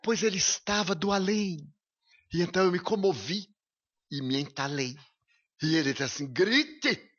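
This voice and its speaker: A man's voice: high-pitched, moderate pace, pauses often, fairly bright tone. A man giving a lecture, telling a personal story with emotion and vivid detail. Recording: lo-fi radio recording.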